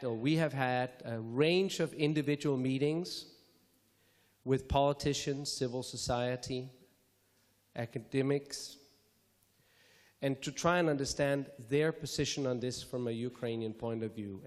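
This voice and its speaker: A man from Denmark giving measured, formal opening remarks at a public lecture, with careful phrasing and the odd self-correction. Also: fairly high pitch. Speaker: speaker introducing a public lecture. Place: lecture hall. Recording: reverberant lecture hall.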